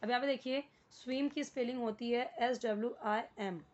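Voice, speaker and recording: A woman's voice: a little high, steady tone, brisk, darkish tone, muffled recording. A woman with an Indian accent teaching beginner English, explaining a worksheet patiently and spelling words out letter by letter.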